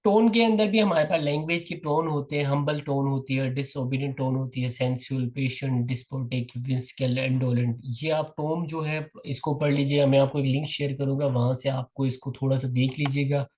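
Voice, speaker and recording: A young man with a Pakistani accent teaching a test-prep class online. He explains patiently, calls on students by name and reads definitions out slowly. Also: medium pitch, flat delivery, darkish tone, low-quality recording.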